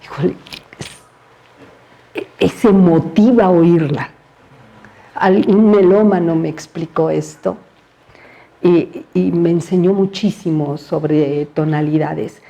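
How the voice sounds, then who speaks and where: A woman's voice: fairly even intonation, slow pace, vocal fry, long pauses, warm tone. A woman giving a philosophy lecture at a university seminar, talking in a conversational way and often checking in with her audience. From Mexico. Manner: acts out examples in a high playful voice.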